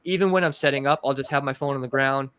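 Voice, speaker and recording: A man from Massachusetts, a podcast guest telling paranormal investigation stories in a rambling, animated, filler-heavy way. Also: medium pitch, quick pace, clear, resonant tone. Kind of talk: casual storytelling.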